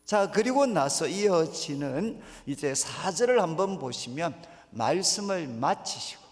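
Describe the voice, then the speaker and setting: A man's voice: a little high, expressive, measured pace, long reverb tail. A man preaching at a revival meeting, putting questions to the congregation as he goes. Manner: addresses the congregation with rhetorical questions. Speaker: pastor. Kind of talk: revival sermon. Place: church sanctuary.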